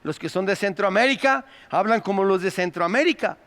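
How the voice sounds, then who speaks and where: Preaching in a church sanctuary with long hall reverb, a Mexican-accented pastor speaks briskly in a high, fairly bright voice full of lively intonation. He addresses listeners as "hermano," or brother, and poses rhetorical questions throughout.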